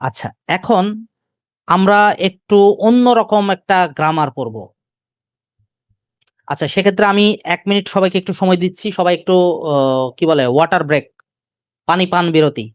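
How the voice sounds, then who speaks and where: A man's voice: sits high, smooth, no room sound, clean studio sound. Male Bangladeshi tutor quizzing his class. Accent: Bangladeshi Bengali. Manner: asks the class questions, repeats key terms slowly. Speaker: teacher. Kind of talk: live grammar lecture.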